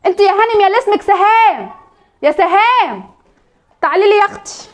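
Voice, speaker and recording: A woman with an Egyptian Arabic accent, playing a quarrelsome neighbor who scolds loudly in a comedy skit. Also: very high voice, expressive, fast talker. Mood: furious. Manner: loud, scolding, confrontational. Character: furious quarrelsome woman neighbor, sharp-tongued. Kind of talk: amateur skit acting.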